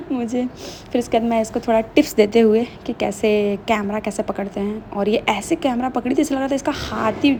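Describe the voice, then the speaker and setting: A woman's voice: a little high, fairly even intonation, brisk, few pauses, dark tone, a little hiss or hum. A young woman chatting casually in a vlog voice-over, slipping English phrases into her talk. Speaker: vlogger.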